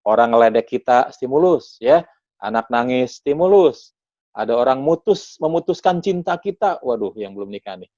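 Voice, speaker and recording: A man teaching parents in a seminar talk, animated and often asking his audience questions. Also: mid-range voice, moderate pace, no room sound, muffled recording. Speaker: parenting trainer.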